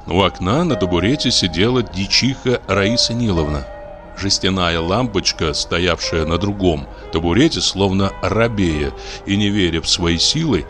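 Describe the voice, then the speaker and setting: Deep-voiced man reading a story. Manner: expressive storytelling. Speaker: audiobook narrator. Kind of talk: scripted literary narration.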